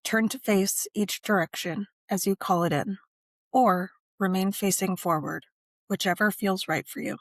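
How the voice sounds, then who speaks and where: Pausing often, a woman speaks a scripted guided meditation and ritual in deliberate, measured phrasing. Her pitch is medium, and the recording carries no echo.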